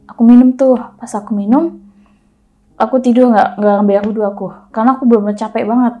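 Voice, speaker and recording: A woman telling a personal story in casual chat, animated and acting out the voices of the people in it. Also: a little high, fast, narrow, tinny audio. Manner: animated, acts out dialogue in quotes.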